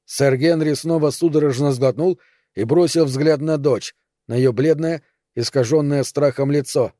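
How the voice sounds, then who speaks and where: A male narrator reading a novel aloud at a steady, measured pace. His voice is dark and mellow at a middling pitch. The recording is close and dry. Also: no room sound. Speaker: audiobook narrator.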